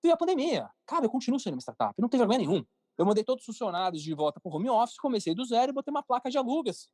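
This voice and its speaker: Speaking very fast with an extremely high, widely swinging pitch and a darkish tone, a man with a Brazilian Portuguese accent appears as a podcast guest; he's a cartoon creator and entrepreneur. His casual interview talk is emphatic, and he often repeats phrases to drive points home. The recording is dry and clean, studio quality.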